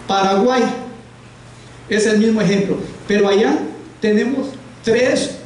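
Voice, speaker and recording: In a classroom at a house of prayer, a man leads a grammar lesson, patiently questioning his students and echoing back what they say. His voice sits high, with an unhurried pace and a somewhat dark tone. The recording catches him from afar in a heavily reverberant room, with a light hiss underneath.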